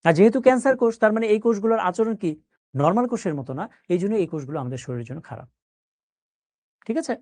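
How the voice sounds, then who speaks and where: A male teacher talks students through a lesson. His pitch rises and falls a lot as he explains with everyday examples and asks whether everyone follows. The recording sounds dry and close. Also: lively intonation, quick pace, a little mellow, dry recording. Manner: explains with everyday examples and checks understanding with questions. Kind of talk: classroom biology lesson.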